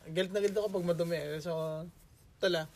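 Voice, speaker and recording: A man telling a story in casual banter among friends, animated and repetitive. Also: high voice, quick pace. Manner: animated storyteller, repeats himself.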